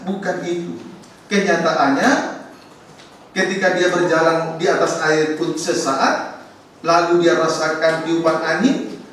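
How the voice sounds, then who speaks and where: A male pastor preaches in a fairly high voice, his words hammered home with repeated lines and calls to the congregation. The sound is very echoey and distant, as if the mic sits far back in a large church hall, with a faint hiss underneath. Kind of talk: sermon.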